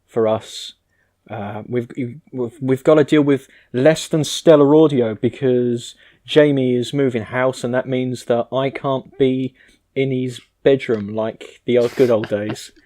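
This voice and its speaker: A man's voice: mid-range voice, steady tone, measured pace, mellow. A man hosting a podcast in casual comedic chat, with a sweary, bantering manner. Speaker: podcast host.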